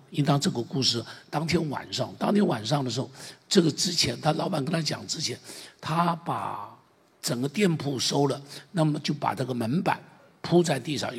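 Man, preacher, sermon storytelling, raspy fry-laden voice, repeats lines, loud to hushed, reverberant hall. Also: medium pitch. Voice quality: very husky, gravelly voice. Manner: emotional retelling with many repeats and swings from loud to hushed.

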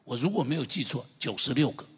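A man preaching a sermon to a congregation as pastor, emphatic and building to shouted climaxes. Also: medium pitch, expressive, fast, breathy edge. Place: church sanctuary. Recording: long reverb of a large church hall.

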